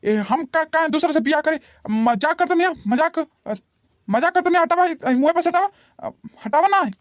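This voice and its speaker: Voicing a pleading old cartoon husband, a woman puts on a Bhojpuri accent as he wheedles his wife and stumbles through excuses. Her animated voice sits high and moves at a moderate pace. It's a dry, studio-quality recording.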